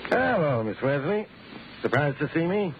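Smug pushy police inspector guy, old radio drama, lively pitch, muffled and noisy. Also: normal speed. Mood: smug, suspicious. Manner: knowing, insistent. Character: smug, suspicious adult male police inspector. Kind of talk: 1940s radio acting.

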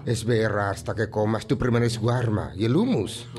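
An actor playing a calm, cautious middle-aged father in a radio drama. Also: on the low side, moderate pace, lightly acted. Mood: fatherly.

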